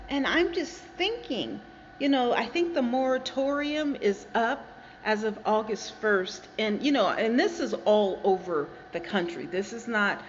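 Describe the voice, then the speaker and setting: High-voiced American woman, chatty and rambling. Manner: chatty, digressive. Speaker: vlogger. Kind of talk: casual rambling commentary to viewers. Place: garage with reflective acoustics. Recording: dull muffled sound with background noise, live garage.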